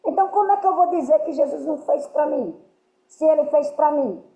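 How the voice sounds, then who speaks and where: A woman's voice: high voice, brisk, gravelly, dark tone. A woman giving earnest spiritual teaching to a group, often checking that her listeners understand. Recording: roomy, dull lo-fi sound.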